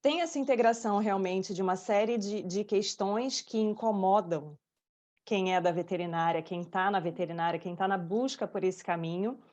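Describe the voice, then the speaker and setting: A Brazilian woman hosting an interview, speaking in a warm, effusive way and openly moved. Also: medium pitch, normal speed. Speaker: interview host. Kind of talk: casual interview chat.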